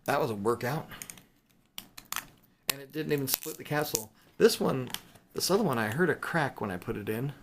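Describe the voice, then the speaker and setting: Hosting a video about the silver bullion he's bought, this man chats casually and without a script, rambling and tossing in mildly playful exclamations. His mid-range voice is animated and a bit bright, at normal speed with long pauses. There's slight background noise.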